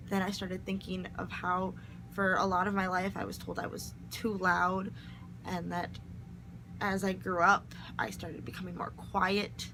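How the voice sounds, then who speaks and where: A woman's voice: mid-range voice, noisy background. A young woman, host of her own channel, reading her poetry aloud and then explaining it in casual, reflective chat from her bedroom. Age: young adult. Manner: earnest, reflective.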